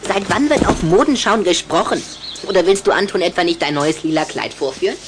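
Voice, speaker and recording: A woman's voice: lowish voice, lively intonation, brisk, slight background noise, close to an everyday voice. A woman playing a boastful, touchy little boy vampire in a children's audio drama, with a mocking, giggly manner. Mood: brash, cheeky.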